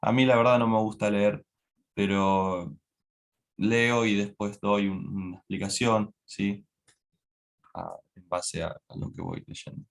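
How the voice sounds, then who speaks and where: Brief: young Argentine man, lower voice, student presenting a lecture, explanatory with lots of tag questions. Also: steady tone, slow. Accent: Argentine Spanish. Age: young adult. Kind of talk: classroom lecture.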